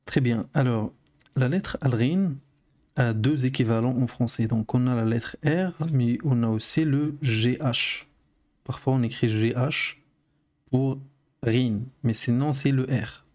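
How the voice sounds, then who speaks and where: A man at a middle pitch who speaks slowly and carefully. He teaches a video lesson, pausing and repeating each sound so learners can follow. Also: darkish tone. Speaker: Arabic teacher.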